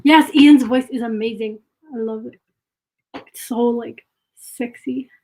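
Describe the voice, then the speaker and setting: A woman's voice: fairly high pitch, slow, darkish tone, poor audio. A young woman streamer chatting casually and gushing while reacting to a trailer.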